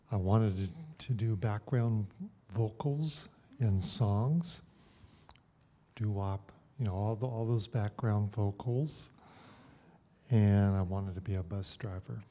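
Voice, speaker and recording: A man calmly sharing his childhood dreams with a group. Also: on the low side, slow pace, long pauses.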